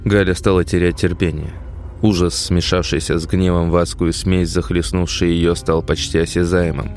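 A man narrating an audiobook in a measured, dramatic reading. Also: low voice, level tone, darkish tone, faint music behind. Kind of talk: scripted narration.

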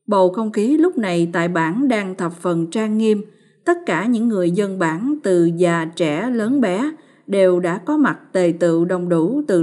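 A woman narrating a ghost story as a storyteller, in a measured, solemn way. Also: mid-range voice, a little mellow.

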